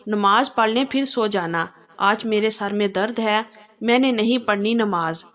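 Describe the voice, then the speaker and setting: A woman's voice: medium pitch, measured pace, a bit bright, lightly acted. Woman doing a cheeky loving young wife. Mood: teasing. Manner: sweet and teasing.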